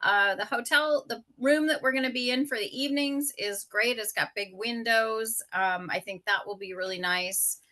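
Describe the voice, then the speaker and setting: A woman's voice: fairly high pitch, normal speed, hardly any pauses. A woman co-organizing a fan trip, giving casual updates on a video call. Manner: relaxed, loose with fillers. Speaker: event co-organizer.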